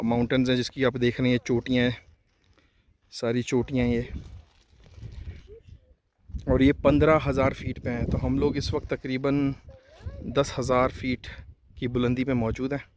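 A man casually narrating a travel vlog, chatting to viewers and pointing out the views while out on a mountain and then in a hilltop restaurant. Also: mid-range voice. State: short of breath while hiking. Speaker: travel vlogger.

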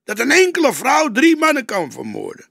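An impatient young detective argues in a high, urgent voice, as a man reading an audiobook puts him on. The tone is bright and tense with a gravelly edge. Pitch jumps lively from phrase to phrase. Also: normal speed, no echo, studio quality, heavily acted. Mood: heated. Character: young male police detective, agitated and impatient.

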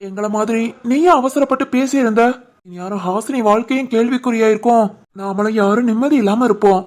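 A man voicing an affectionate, reassuring young husband in an animated family drama, with a Tirunelveli Tamil accent and a comforting, teasing manner. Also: very high-pitched, a little fast.

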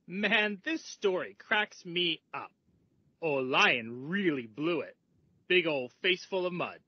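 A man's voice: fairly high pitch, animated, slow pace, no echo, muffled recording. A man voicing a goofy, wisecracking young male sidekick in an educational reading program. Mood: amused. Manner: joking, flippant. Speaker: sidekick character in a reading lesson.

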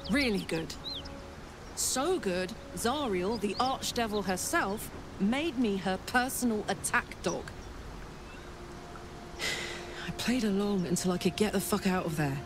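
Karlach, brash battle-hardened tiefling warrior. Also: female voice, lowish voice, noisy background. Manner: cocky, blunt, salty soldierly talk. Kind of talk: video game character dialogue.

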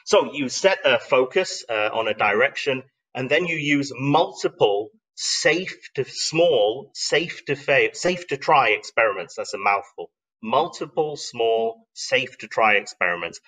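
In a live online slide talk, a middle-aged man speaks with medium pitch, lively intonation, and a measured pace, his tone a bit bright. He explains conversationally, thoughtfully and emphatically, frequently raising rhetorical questions. The audio is distant and rough.

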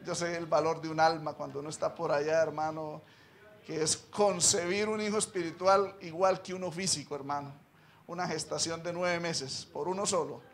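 A man who is a missionary pastor giving a sermon testimony, rising from quiet confiding talk to loud fervent preaching with frequent amens, in a church. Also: on the high side, steady tone, moderate pace. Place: church sanctuary.

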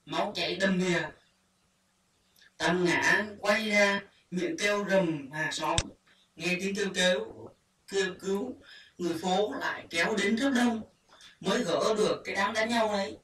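A storyteller reading a short story aloud at a measured, deliberate pace. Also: medium pitch, fairly bright tone. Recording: echoey room, far from mic, faint hiss.

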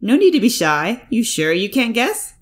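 A woman voicing a cheerful, teasing male hero boss in a fanfic audiobook, speaking loud and bright, well above her own pitch. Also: very animated, moderate pace.

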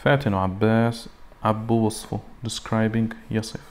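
Low-voiced man teaching English vocabulary. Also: flat delivery, darkish tone. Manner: reads English words slowly, then translates them. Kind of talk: recorded classroom lesson.

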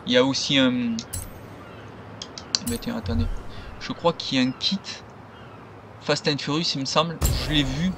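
A man's voice: a little high, expressive, moderate pace, long pauses, background noise. Rambling casual man over game sounds. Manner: rambling, loose and unscripted. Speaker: gaming video creator. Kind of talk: casual gameplay commentary.

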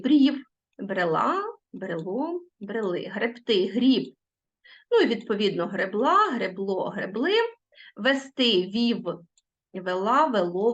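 A woman teacher talks straight to her pupils, reading word forms slowly and one at a time. Her pitch rises and falls in a lively way. The recording sounds a little dull and lo-fi. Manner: clear, patient dictation, spelling out word forms one by one; addresses pupils directly, asks them to pause the video. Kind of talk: recorded school lesson.

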